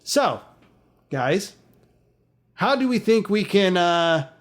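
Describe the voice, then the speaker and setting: A man's voice: sits high, very animated, slow pace. A man co-hosting a casual chat, talking in a rambling, chatty way with frequent laughs. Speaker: podcast co-host.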